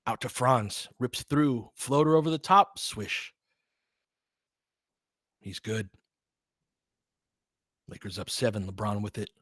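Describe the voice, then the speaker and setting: This basketball play-by-play man has a lowish, fairly bright voice, animated yet slow, with long pauses. The studio-quality recording is dry, and he calls the game live in clipped phrases, chiming in like a fan between plays.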